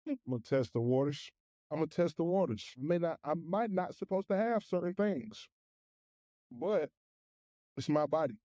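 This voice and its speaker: A man's voice: on the high side, expressive, normal speed, long pauses, warm tone, no room sound, dull audio. A man talking casually and candidly as a podcast guest, blunt and plain-spoken.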